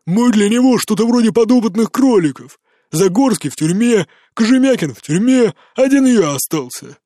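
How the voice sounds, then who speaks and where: A drunk, bitter man who drawls slowly and jeers at everyone around him, voiced by a male reader. His speech is slurred and loose, climbing into shouts when he loses control. The voice sits high, and the reading is dry and close. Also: expressive, no room sound. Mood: furious shouting. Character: drunk bitter middle-aged man, mocking and volatile.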